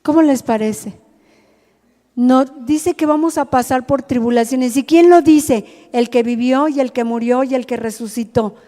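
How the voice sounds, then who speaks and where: Slow high-voiced Mexican woman preaching. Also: warm tone. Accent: Mexican Spanish. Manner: asks the group questions. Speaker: teacher at a rehab ministry. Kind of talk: sermon to a group. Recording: hall reverb.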